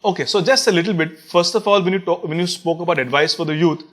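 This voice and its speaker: A man's voice: high-pitched, fast, a bit bright. A man with an Indian English accent, a priest and school principal, chatting as an interview guest in a joking, self-deprecating way. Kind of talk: casual interview chat.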